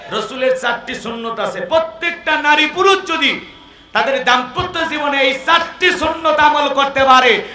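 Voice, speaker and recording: High bright-voiced comic preacher man. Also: echoey room. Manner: jokey, quizzes the crowd, bursts into shouts and chanting. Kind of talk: comic Bengali waz sermon to a crowd.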